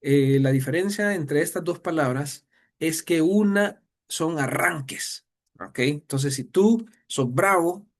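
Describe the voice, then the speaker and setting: A man with a Salvadoran Spanish accent leads an informal Bible teaching over a video call. He talks conversationally, often asking the listener questions and filling pauses with hesitations and restarts. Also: a little high. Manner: conversational, asks rhetorical questions, many fillers and restarts.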